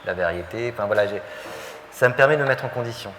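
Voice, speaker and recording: A man's voice: medium pitch, fast, a bit bright, slight background noise. A male photographer answering questions in a public interview, speaking with many fillers and restarts. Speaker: photographer guest. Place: live public interview before an audience.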